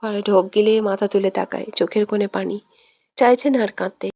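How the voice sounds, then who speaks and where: A woman narrating a romantic audio story in a steady, expressive reading voice on a close mic. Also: mid-range voice, brisk, creaky, no echo.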